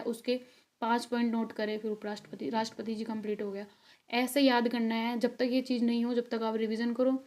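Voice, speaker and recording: A woman's voice: fairly high pitch, a little mellow. A young woman teaching an exam-prep video lesson, chatty and encouraging, checking often that her students follow. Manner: frequent check-ins and fillers.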